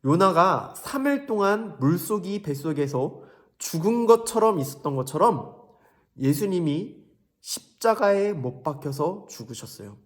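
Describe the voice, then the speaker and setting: Animated young man preaching to children. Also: sits high, a little slow. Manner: animated storytelling, asks kids questions. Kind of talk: children's sermon.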